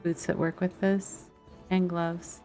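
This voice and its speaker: Playing a game on a livestream, a woman content creator chats and thinks aloud in a casual way. Her voice is lowish, level, and slow, and music plays faintly behind it.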